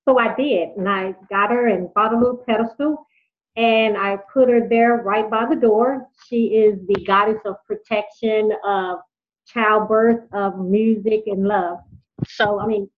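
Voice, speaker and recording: A woman calling in to a live talk, speaking in a soft, unhurried, devotional way. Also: medium pitch, steady tone. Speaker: caller. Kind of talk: casual call-in sharing. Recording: phone line.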